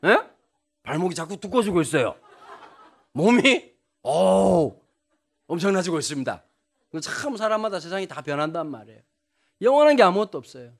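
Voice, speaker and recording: A male pastor giving a sermon, who tells humorous anecdotes and addresses the congregation directly. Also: sits high.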